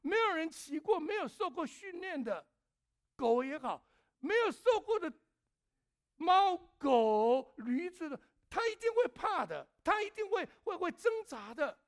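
Lively, high-voiced male pastor preaching. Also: measured pace. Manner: animated storytelling, acts out his own shouts; asks the congregation questions. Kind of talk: sermon with personal stories.

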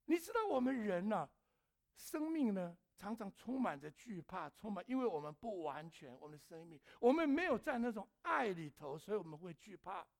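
A middle-aged male pastor preaching a sermon, telling personal stories with animation, acting out his own shouts and asking the congregation questions. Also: high-pitched, very animated, moderate pace, gravelly.

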